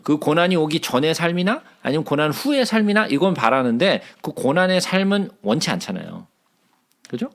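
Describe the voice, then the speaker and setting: Gravelly man leading a lively Bible study. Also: on the high side. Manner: conversational, checks in with listeners often.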